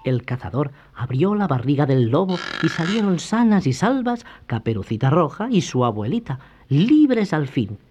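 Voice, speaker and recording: Unhurried, animated fairy-tale narrator over soft music, slightly muffled. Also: mid-range voice, slight background noise. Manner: unhurried and lively. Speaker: storyteller.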